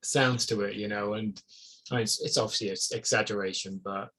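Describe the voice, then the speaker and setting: Husky man hosting a chat. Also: fairly low pitch, fairly even intonation, fairly quick, fairly bright tone. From Wales. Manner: chatty, jokey, tells anecdotes. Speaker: podcast host. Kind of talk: casual conversational interview.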